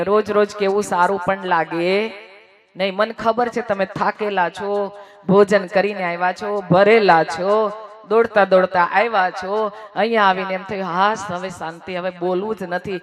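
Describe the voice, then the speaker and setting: A woman from Gujarat giving a devotional sermon to a large audience, lively, teasing the crowd and leading chants. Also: medium pitch. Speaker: religious storyteller.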